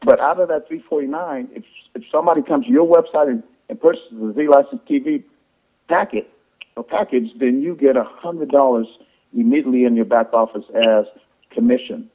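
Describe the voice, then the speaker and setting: A man giving an informal sales presentation to affiliates on a conference call, explaining in a halting, repetitive way with false starts. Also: mid-range voice, lively intonation, creaky. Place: conference call over the phone. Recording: tinny, band-limited phone conference line.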